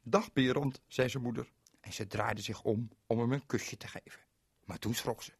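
A man's voice: medium pitch, steady tone, moderate pace, gravelly, breathy edge, no echo, studio quality. A man telling a story to children on a radio show, playful and speaking to young listeners directly.

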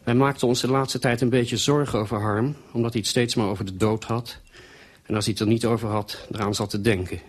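A man's voice: mid-range voice, fairly even intonation, a little fast. Male narrator, wry and dry, reading a comic tale.

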